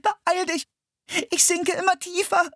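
A reader voicing a young girl caught up in an adventure, calling out in a high, strained voice. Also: expressive, slow pace, a bit bright, no room sound, clean studio sound, exaggerated voice. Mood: panicked. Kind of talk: audiobook character voice.

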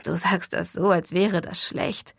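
A woman reading an audiobook voices a caring teenage vampire boy, speaking softly and low in a reassuring way. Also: fairly even intonation, unhurried, creaky, breathy edge, no room sound, studio quality, exaggerated voice. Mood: tender.

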